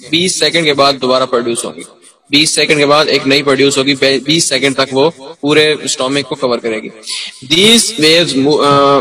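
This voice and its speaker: Male lecturer, slightly high-pitched, reads a passage and then explains it with frequent check-ins. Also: a bit bright, rough recording. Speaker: teacher.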